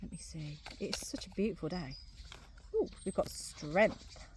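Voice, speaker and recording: Woman, rune and tarot reader, thinking aloud, chewing gum, slightly low voice, faint crickets behind. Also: unhurried, noisy background. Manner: musing, thinking aloud with many ums; chewing gum while talking. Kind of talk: casual card reading to camera. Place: outdoors on a sunny day, crickets behind.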